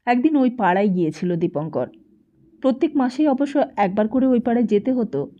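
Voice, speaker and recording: A woman narrating a novel as an audiobook in slow, measured storytelling. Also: fairly high pitch, expressive, mellow. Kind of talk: scripted narration. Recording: dull lo-fi recording.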